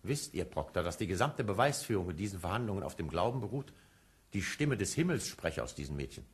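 An actor playing a stern, haughty colonial judge who interrogates in a declamatory manner in a 1950s German radio play. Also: male voice, low voice, sing-song, fast talker, breathy edge, full character voice. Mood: stern, probing. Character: stern, imperious colonial judge, proud of his power.

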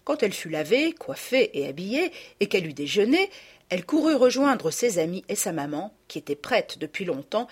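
A woman narrating a storybook with expressive, animated reading. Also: medium pitch, moderate pace, slightly rough.

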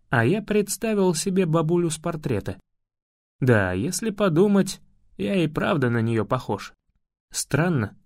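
A man reading a first-person audiobook narration in a reflective, expressive way. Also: on the high side, no room sound, studio quality.

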